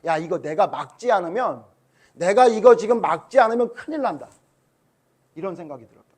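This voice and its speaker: A man's voice: sits high, animated, a little fast, darkish tone, breathy edge. A male pastor giving a Sunday school sermon to children, chatting with them and quizzing them with questions.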